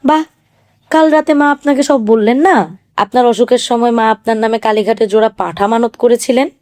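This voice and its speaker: A woman playing a gentle, soft-spoken young wife. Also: on the high side, moderate pace, close to an everyday voice. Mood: coaxing. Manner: soft, coaxing.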